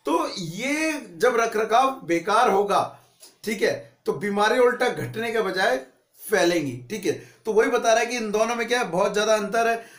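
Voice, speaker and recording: A male teacher with a high-pitched, animated, somewhat bright voice gives a conversational economics lecture at a moderate pace, posing questions and answering them himself. The classroom recording is echoey.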